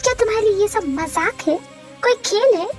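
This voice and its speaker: A woman's voice: very high voice, animated, fairly quick, soft background music. A woman playing a heartbroken, tearful young wife. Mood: anguished. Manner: tearful, pleading, emotional. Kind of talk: fan-dubbed romantic audio drama.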